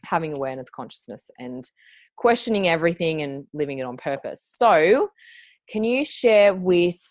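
Low-voiced Australian woman podcast host. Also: sing-song, normal speed, dry recording. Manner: chatty and upbeat, with fillers and self-corrections. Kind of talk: casual podcast chat and guest introduction.

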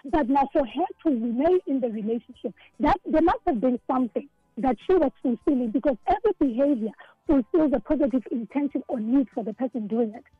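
A woman's voice: high-pitched, lively intonation, fairly quick, slightly rough, no room sound, phone-quality sound, faint music behind. A South African woman, an author being interviewed on the radio, talking earnestly and often repeating words as she thinks. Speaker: author and guest.

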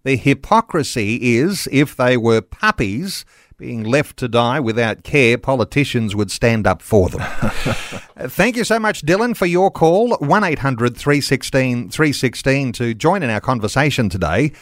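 Man, Australian accent, radio host, medium pitch, close dry sound. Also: expressive, measured pace, no echo. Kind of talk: talk-back radio hosting.

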